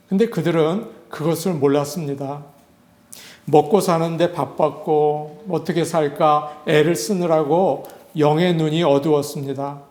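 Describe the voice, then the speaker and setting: A male pastor with a somewhat high voice preaches a sermon, talking to his congregation in a conversational way. He acts out the voices of the people he quotes. The sound is roomy and echoing. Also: darkish tone.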